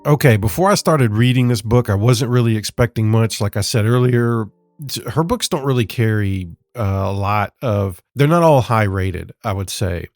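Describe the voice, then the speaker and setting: A man hosting a book podcast in a casual, sarcastic monologue, sounding rough from being sick. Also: lowish voice, lively intonation, normal speed, a little mellow, dry recording. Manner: sarcastic, self-deprecating, conversational. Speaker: podcast host.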